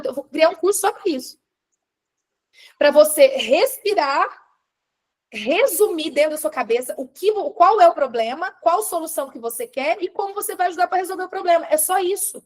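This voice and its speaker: A woman from Brazil running a live-stream coaching talk, animated, calling on viewers by name and shifting between soft asides and loud stresses. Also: sits high. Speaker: relationship coach.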